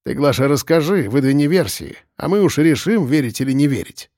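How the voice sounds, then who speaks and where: A man's voice: on the high side, animated, a little fast, a little mellow, no room sound, studio quality, lightly acted. A man reading an audiobook, voicing an older man who speaks plainly and reassuringly.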